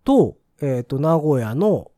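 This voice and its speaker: Kansai accent guy just chatting, kinda higher voice, really bouncy intonation. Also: big pitch swings, takes it slowly, warm tone, no echo, clean studio sound. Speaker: podcast co-host. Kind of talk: casual chat.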